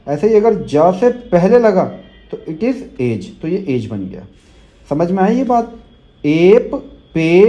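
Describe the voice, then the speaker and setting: Patient shorthand teacher, bright-toned man. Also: high-pitched, dull audio. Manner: patient, explains step by step, checks in with students often. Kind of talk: classroom demo lesson.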